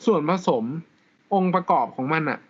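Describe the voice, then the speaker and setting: Casual podcast co-host, man, high voice, step-by-step explainer, slightly dull audio. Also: animated, moderate pace. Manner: explains step by step, laughs often. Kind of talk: casual chat about law.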